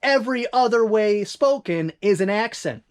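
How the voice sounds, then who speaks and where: Speaking in a medium-pitched, expressive voice, this Northern Michigan eBay reseller vlogger rambles casually and catches their own mistakes with quick asides. They have a Northern Michigan accent.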